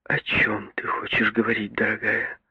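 A man's voice: medium pitch, expressive, a little slow, husky, no echo, pitched above the performer's own voice. A man voicing a timid, anxious middle-aged mother who frets and pleads in a raised, strained voice, in a literary reading. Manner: fretful, pleading, breathless. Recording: dull, muffled radio recording.

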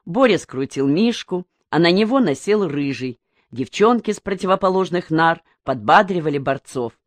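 A woman's voice: lowish voice, expressive, moderate pace, no room sound. Woman reading an audiobook, dry close sound. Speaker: audiobook reader. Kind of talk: scripted audiobook narration.

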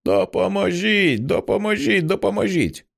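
A man's voice: mid-range voice, animated, fairly quick, natural voice. Man playing a panicked young woman crying for help. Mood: desperate. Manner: shouting, panicked.

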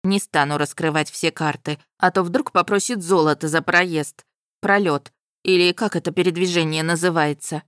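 A woman narrates a fantasy story in the first person, wry and lively. Her voice sits fairly low and sounds dry and close to the mic. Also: normal speed, no room sound.

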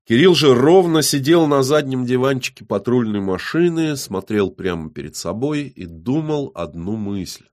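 A man with a mid-range voice narrates an audiobook from a script, reading in a measured, even way.

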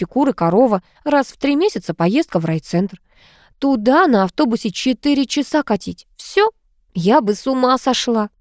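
A woman's voice: high voice, darkish tone, dry recording, studio quality, pitched above the performer's own voice. A woman voicing a flamboyant, much-married society aunt who chatters dramatically in an audiobook.

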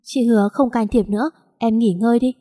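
A woman's voice: fairly high pitch, fairly even intonation, fairly quick, dark tone, no echo, clean studio sound, in a large hall, lightly acted. A woman voicing a caring older sister who speaks with worry and tries to soothe, read in a storytelling voice. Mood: worried. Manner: worried, soothing.

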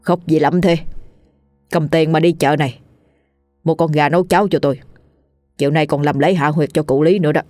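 A woman doing a gruff old thief. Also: sits low, fairly even intonation, a little fast, long pauses, darkish tone, no echo, studio quality, faint music behind, lightly acted. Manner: coarse, cursing, bossy. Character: gruff old male village thief, hot-tempered.

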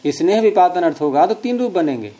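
Guy teaching grammar class, kinda high voice, mellow, teases students a little. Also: expressive, brisk. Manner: patient, repeats and quizzes students with questions; gently teasing, chuckles.

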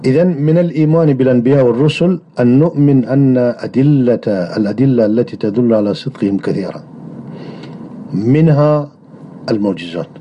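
A man delivering a religious lecture on creed in a measured way, often pausing on drawn-out hesitation sounds. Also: medium pitch, slight background noise. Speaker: religious teacher. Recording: dull lo-fi recording.

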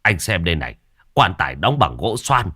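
A man voicing an elderly village coffin maker who tries to calm an angry neighbor. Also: low voice, normal speed, exaggerated voice. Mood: placating. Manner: soothing, defensive.

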